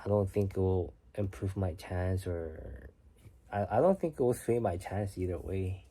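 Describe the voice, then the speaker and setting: His voice sits low and keeps a measured pace as this young Korean streamer reads chat from home at night. The talk is casual and reflective, delivered softly, with occasional drops into a whisper.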